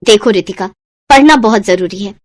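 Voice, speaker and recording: A woman voicing a kind, sensible young bride in a cartoon story, speaking gently and caringly. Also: medium pitch, normal speed, dry recording, natural voice. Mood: gentle.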